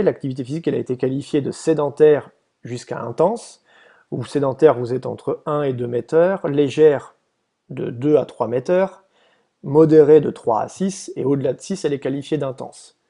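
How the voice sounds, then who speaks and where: A man's voice: mid-range voice, moderate pace, mellow. A man giving a casual, explanatory slide presentation to volunteers, hesitant, with many fillers and restarts.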